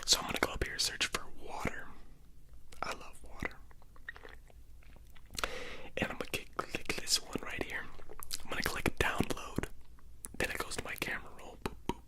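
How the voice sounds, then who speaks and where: An ASMR creator reading sponsor messages in a breathy, unvoiced whisper, deliberate with playful touches.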